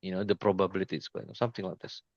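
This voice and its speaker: A man giving an informal screen-share trading lesson, speaking haltingly with many restarts and repeated pointers to the chart. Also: deep voice, little pitch movement, no room sound, highs cut off. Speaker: trading mentor.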